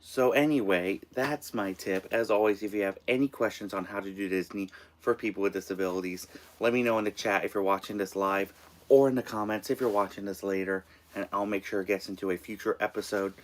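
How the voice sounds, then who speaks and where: An American man from Maine hosting a casual live stream of tips from inside an RV, halting and restarting his phrases. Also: on the low side. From Maine, United States. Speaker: host of a live show.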